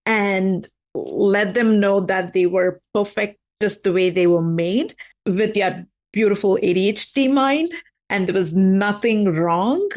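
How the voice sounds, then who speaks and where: A woman co-hosting a podcast who speaks at an unhurried, slow pace. She talks in an affirming way and often finishes her points with a checking "right?". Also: medium pitch, darkish tone. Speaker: podcast co-host. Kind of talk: conversational podcast interview.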